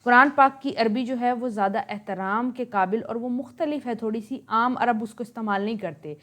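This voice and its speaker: A woman's voice: fairly high pitch, moderate pace, a bit bright. A woman gives a lecture. She explains each term step by step and mixes English words into her speech. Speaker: teacher.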